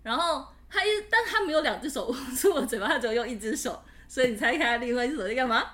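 A woman's voice: sits high, animated, rapid-fire, background noise. A woman, co-hosting a podcast and candidly recounting a personal story in casual chat. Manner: candid, laughs while telling a frightening story. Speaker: podcast co-host.

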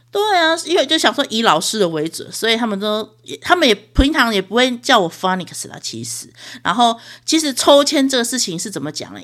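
A woman's voice: mid-range voice, fairly bright tone. A young woman with a Taiwanese Mandarin accent, hosting a podcast and telling a story in a chatty, self-mocking way with frequent laughs. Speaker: podcast host. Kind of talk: casual solo storytelling.

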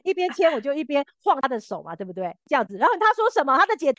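A woman's voice: high-pitched, sing-song, racing, fairly bright tone, no room sound, studio quality. A woman co-hosting a podcast, telling a story animatedly and acting out the quoted lines. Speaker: podcast co-host. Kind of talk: casual storytelling chat.

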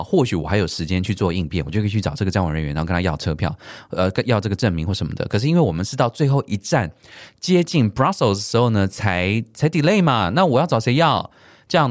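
Fast, animated Taiwanese Mandarin man. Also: on the low side, dry recording, clean studio sound. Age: middle-aged. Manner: animated, mixes English swearing into his story. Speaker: podcast host. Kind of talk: solo storytelling podcast.

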